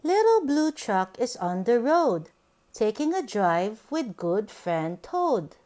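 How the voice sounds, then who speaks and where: In a sing-song, deliberate style, a female storyteller reads a picture book for little kids. Her voice is high, and her pitch swoops about in a lively way.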